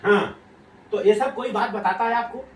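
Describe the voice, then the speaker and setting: A man's voice: sits high, moderate pace, slight background noise. A man, coaxing and quizzing a child in a playful, laughing way. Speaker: rationalist activist quizzing a child. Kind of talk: casual questioning chat. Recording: roomy sound from a distant mic.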